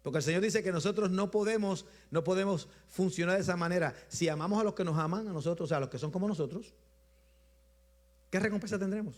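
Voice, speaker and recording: A bishop from Puerto Rico, speaking with a Puerto Rican Spanish accent, preaches a Sunday sermon. His style is rhythmic and repetitive, his voice dropping low at the end of each point and slowing down for emphasis.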